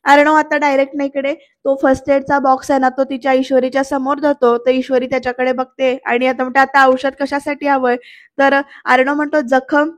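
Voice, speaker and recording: A woman's voice: high-pitched, level tone, fast, few pauses, no echo. A woman narrating a voice-over episode recap in a chatty way, speaking directly to viewers. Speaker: serial episode reviewer. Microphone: close voice-over mic.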